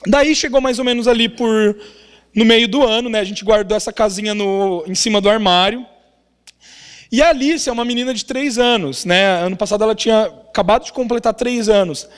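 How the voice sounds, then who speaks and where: A young adult Brazilian man preaching as a pastor, telling a family story in an animated way and often ending phrases with a tag question. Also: high voice, a little fast, clean tone. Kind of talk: sermon storytelling. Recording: long reverb of a large hall.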